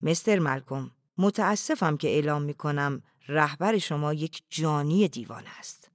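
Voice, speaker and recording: A reader voicing a blunt, cold Russian commander who scolds and shouts in a storybook reading. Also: medium pitch, no room sound, clean studio sound, lightly acted. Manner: stern, clipped, rising to a shout.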